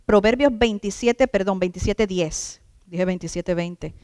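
Smooth-voiced woman preaching a sermon. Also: medium pitch, a little mellow, dry recording, studio quality, long reverb tail. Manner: emphatic, drawn-out stresses on key words; addresses the congregation as brothers.

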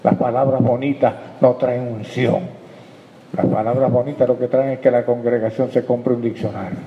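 A man's voice: mid-range voice, steady tone, moderate pace. Guy preaching, amen callouts, kinda muffled lo-fi echoey hall sound. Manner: preaching with call-and-response amens, dropping to hushed prayer. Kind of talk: sermon. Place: church hall.

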